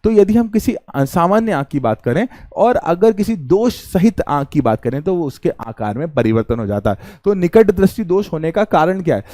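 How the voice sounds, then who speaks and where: Male teacher, fairly high voice, mellow tone, calm chatty lecture, repeats questions and answers them. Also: no room sound, clean studio sound. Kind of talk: classroom lecture.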